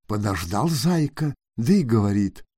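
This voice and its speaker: A man narrating a folk tale in an expressive, sing-song storybook style. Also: fairly low pitch, measured pace, no echo, clean studio sound.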